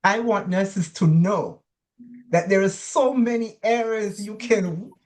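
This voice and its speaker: A woman's voice: medium pitch, a little slow, darkish tone. A woman hosting a nursing interview podcast, welcoming her guest in a chatty, affirming way. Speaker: podcast host.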